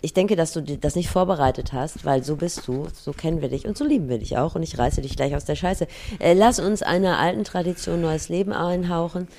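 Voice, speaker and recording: Mellow low-voiced woman co-host. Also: fairly quick, few pauses, a little hiss or hum. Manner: teasing, prodding questions. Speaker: podcast co-host. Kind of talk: casual chat.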